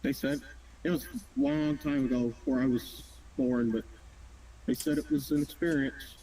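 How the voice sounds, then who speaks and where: A man with a soft-edged, mellow voice of medium pitch tells anecdotes casually. He sits back from the mic, with faint noise in the recording. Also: fairly even intonation, normal speed, husky, distant mic, rough recording. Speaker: podcast regular, store worker.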